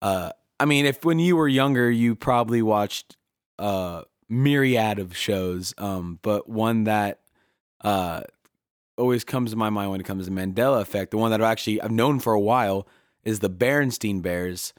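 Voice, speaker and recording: A young man with a low, easy voice, co-hosting a casual podcast chat. He talks in a relaxed way, with plenty of ums and uhs. The sound is close and dry, with no room around it. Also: moderate pace, no room sound. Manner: relaxed, chatty, with frequent fillers. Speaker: podcast co-host.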